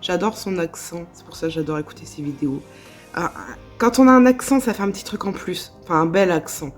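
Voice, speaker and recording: A woman's voice: lowish voice, brisk, soft background music. A woman with a Northern French accent, chatting casually in a vlog, with lots of fillers and small laughs. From northern France. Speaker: vlogger.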